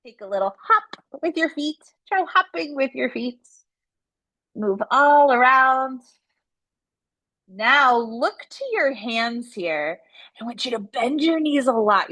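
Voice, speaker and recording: Slow, gentle woman guiding kids' yoga. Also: fairly high pitch, no echo. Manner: gentle, encouraging, playful cues with animal sounds. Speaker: yoga instructor. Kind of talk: guided kids' yoga instruction.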